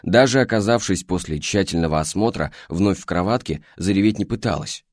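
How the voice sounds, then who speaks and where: A man with a low voice reads an audiobook in an even, measured way. The sound is dry and close, with no room echo at all. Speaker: audiobook narrator. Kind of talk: audiobook narration.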